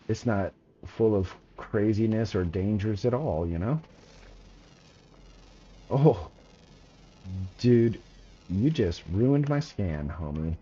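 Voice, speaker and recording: Laid-back, mellow-voiced male game streamer. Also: fairly low pitch, lo-fi sound. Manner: laid-back, chatty, slangy, talks to chat. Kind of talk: casual gameplay commentary.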